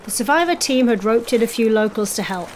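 A woman's voice: on the high side, a little fast, very noisy. A woman in her forties narrating a sailing vlog and chatting plainly about the boat's plans. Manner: relaxed, chatty, plain-spoken. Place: catamaran cockpit, outdoors. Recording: loud background music.

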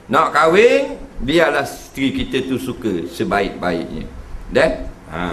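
A man's voice: medium pitch, fairly bright tone, a little hiss or hum. A man giving a humorous religious lecture to an audience. He keeps checking in with his listeners and acts out the voices he quotes. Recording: echoey hall recording.

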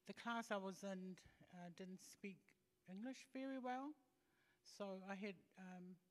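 A woman in her fifties from Tonga, talking as a guest in an on-stage interview, halting and full of fillers, holding a handheld mic. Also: mid-range voice. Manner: hesitant, halting with many fillers. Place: large hall with stage and audience. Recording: long hall reverb.

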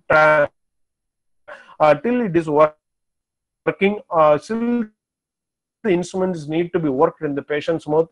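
A middle-aged man with a South Indian Tamil accent lecturing in a webinar, asking and answering his own questions over a video call. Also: a little high. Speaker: dental lecturer. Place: small room indoors, on a video call. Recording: dull lo-fi video call audio.

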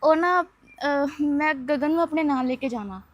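A woman's voice: sits high, measured pace, no room sound, lo-fi sound. A soothing young college girl. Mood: coaxing. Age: young adult. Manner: soothing, coaxing. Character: caring young woman, calm and persuasive. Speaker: college student. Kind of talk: film acting.

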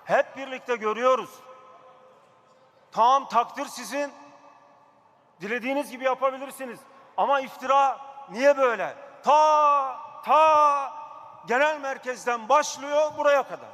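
A man's voice: extremely high pitch, measured pace, bright, forceful tone. A district mayor speaking at a pulpit microphone in a council chamber, emphatic and repeating his key phrases. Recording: long hall reverb.

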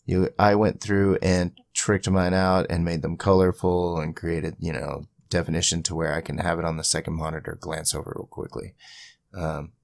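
With a flat delivery at normal speed, a low, gravelly-voiced man hosts an informal software tutorial, thinking aloud and wandering a bit as he goes step by step on screen. Slight background noise is present.

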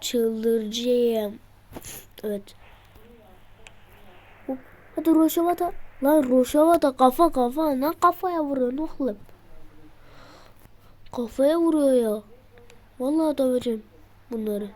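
Woman, high and unhurried, gameplay tutorial commentary, excitable, grumbles at the players. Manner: excitable, mutters and shouts at the game. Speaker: gameplay video maker.

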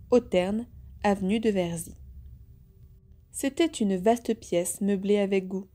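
A woman reading a detective novel aloud in a measured, even way. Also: mid-range voice. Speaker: audiobook reader. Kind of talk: scripted narration.

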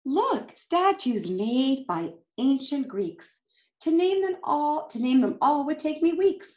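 In a home room lined with bookshelves, a middle-aged storytime reader shares a picture book with young children, reading expressively and tossing them questions and asides. Her voice is high-pitched, sing-song and a little mellow, and she goes slowly. The recording sounds muffled.

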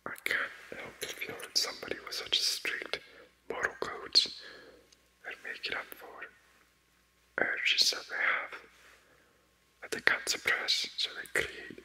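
A sly, scheming courtier's ghost leans close, voiced by a man in a whispered role-play. The whisper is bright and crisp, all breath and no tone. He teases and confides his secrets softly. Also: unhurried, long pauses, poor audio. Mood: sly confiding.

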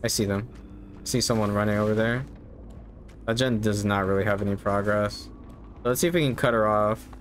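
This thirties-aged game streamer speaks in a fairly low, steady voice, talking a little fast but leaving long pauses. He offers casual live commentary, easygoing and musing to himself as he plays. Game ambience comes through clearly in the background.

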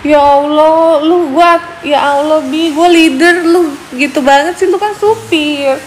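A woman's voice: high-pitched, steady tone, measured pace, slight background noise, poor audio. A woman on a phone live stream, chatting and teasing, then coaxing and soothing a small child. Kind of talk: casual live-stream chat.

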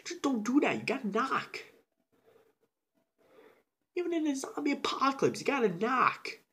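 A man doing a frantic, squeaky young guy. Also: big pitch swings, normal speed, slightly rough, full character voice. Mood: scolding. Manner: high-pitched and loud. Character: panicked young man scolding his friends.

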